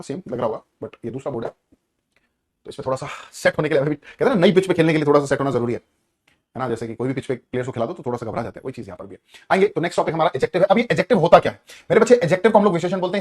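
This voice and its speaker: A man teaching an online grammar lesson in a Hindi accent, energetic, repeating key words and asking students questions. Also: fairly high pitch, racing, breathy edge.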